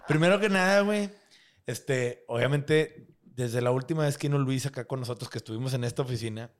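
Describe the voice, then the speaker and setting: A man's voice: mid-range voice, fairly quick. A man with a northern Mexican accent hosting a casual podcast chat in slangy, profane talk. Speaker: podcast host.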